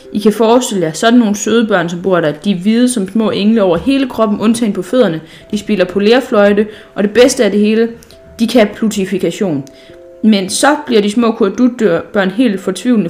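A woman's voice: mid-range voice, darkish tone, lightly acted. A woman reading aloud a bold, cheeky young girl from a storybook, chatty and full of fanciful plans.

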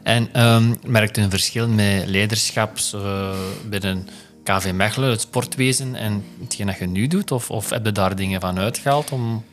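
A man's voice: fairly low pitch, normal speed, faint music behind. A man hosting a podcast, asking hesitant questions and giving short agreeing replies. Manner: brief backchannels and hesitant questions. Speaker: podcast host. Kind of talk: interview conversation.

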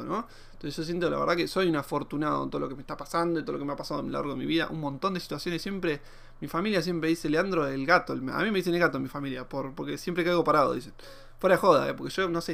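Fast-talking Argentine man, gravelly. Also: on the high side. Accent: Argentine Spanish. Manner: animated, slangy, quotes imagined people in his own voice. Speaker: podcast host and YouTuber. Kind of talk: casual monologue podcast.

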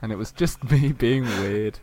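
A man's voice: medium pitch, unhurried, a little mellow. A young man co-hosting a casual podcast, chatty and self-mocking, laughing as he talks. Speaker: podcast co-host. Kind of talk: casual chat.

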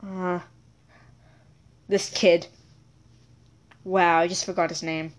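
A woman's voice: lowish voice, level tone, slow. A woman telling a childhood story in a casual, rambling episode, correcting herself and adding chatty asides.

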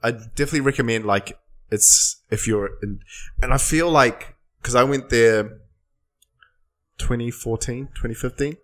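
A man's voice: medium pitch, normal speed. A man in casual chat who swears freely and often trails off mid-sentence.

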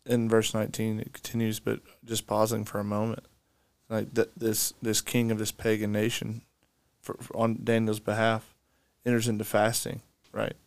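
A man co-hosting a podcast, reading scripture passages aloud and then pausing to comment on them in a casual, restarting way. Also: on the low side, completely flat delivery, vocal fry, dry recording. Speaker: podcast co-host. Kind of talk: casual Bible study discussion.

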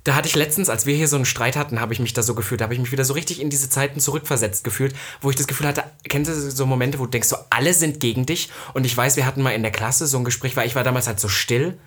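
A man's voice: medium pitch, rapid-fire, hardly any pauses, a bit bright, slightly rough. A man from Halle in eastern Germany, a guest telling personal stories in a casual podcast chat.

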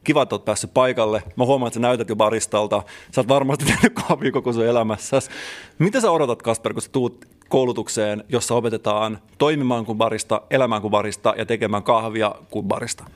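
A man co-hosting a comedy podcast, riffing in a mock-serious, teacherly way. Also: medium pitch. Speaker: podcast co-host. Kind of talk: casual comedic podcast chat.

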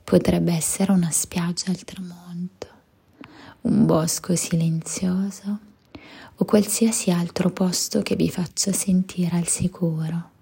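A woman narrates a guided meditation in a soothing, soft spa whisper. Her voice is low and mellow, heavy with breath. She moves through the script gently, as a meditation guide. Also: little pitch movement, slow pace, vocal fry, slightly rough.

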